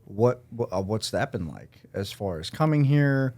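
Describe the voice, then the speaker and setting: Relaxed male podcast host. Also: lowish voice, moderate pace. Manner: relaxed, upbeat, informal slang. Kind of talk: casual interview chat.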